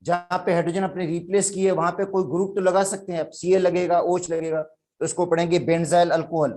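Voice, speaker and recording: This Sindhi-accented Pakistani man lectures on chemistry, breaking things down step by step and calling students "beta." His high, darkish voice comes out fairly quick and flat.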